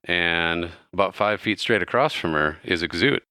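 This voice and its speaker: Man, deep voice, crisp bright tone, casual tabletop game narration. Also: moderate pace, no echo, studio quality. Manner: casual, loose, with many fillers. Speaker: game master.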